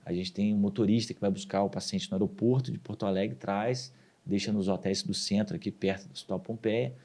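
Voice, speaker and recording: This urologist guest from southern Brazil speaks briskly at a fairly low pitch during a casual podcast interview. He tells lively surgeon stories, acting out the quoted lines.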